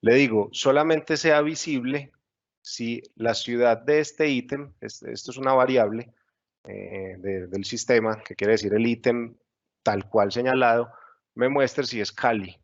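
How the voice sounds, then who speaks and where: Man, low gravelly voice, patient webinar instructor, dull lo-fi audio. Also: a little slow. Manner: patient step-by-step explaining with frequent fillers. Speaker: software instructor. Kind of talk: screen-share webinar tutorial.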